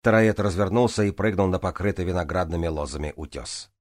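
A male audiobook narrator reading a first-person story with a steady, even delivery. His voice sits very low. It is recorded close on a studio mic with a dry sound. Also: fairly quick, dry recording.

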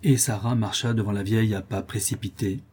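A man narrating a classic novel as an audiobook in a measured, dramatic way. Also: on the low side, fairly even intonation, a little mellow, breathy edge. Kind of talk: scripted narration.

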